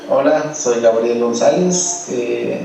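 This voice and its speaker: Quiet man, hesitant. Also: mid-range voice, takes it slowly, gravelly, soft background music. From Ecuador. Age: 30s. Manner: calm, quiet, a little hesitant with fillers. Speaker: interviewee. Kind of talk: recorded interview clip. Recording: echoey distant archive interview, faint noise.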